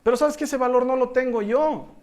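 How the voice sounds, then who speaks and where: A man preaching a sermon through a personal story, shifting from hushed tones to loud bursts and laughing as he tells it. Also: very high-pitched, fairly quick. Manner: animated storyteller who swings from hushed to loud. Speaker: pastor.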